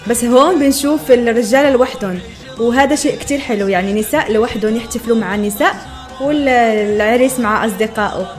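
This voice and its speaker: Young woman, reaction host, high-ish voice, chatty and amazed, faint background music. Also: fast talker. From Morocco. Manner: chatty, often laughing, exclaims in wonder. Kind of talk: casual reaction commentary.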